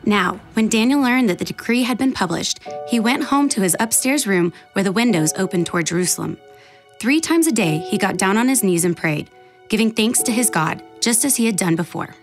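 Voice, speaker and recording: Woman narrating a Bible story, mid-pitched. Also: animated, fairly quick, soft background music.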